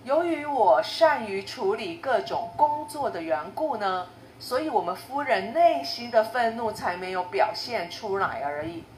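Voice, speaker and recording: Brief: woman playing a mild, soft-voiced young maid, quiet and unbothered, faint noise behind. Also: a little high, lively intonation, measured pace, hardly any pauses. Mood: calm. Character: young maid, calm, evasive, testing her mistress. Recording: roomy echo, faint noise.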